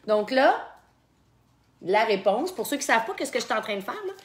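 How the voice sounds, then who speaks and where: A woman's voice: fairly high pitch, sing-song, moderate pace. A woman with a Québécois French accent hosting a wine tasting game in casual live chat, laughing often and repeating words while she thinks.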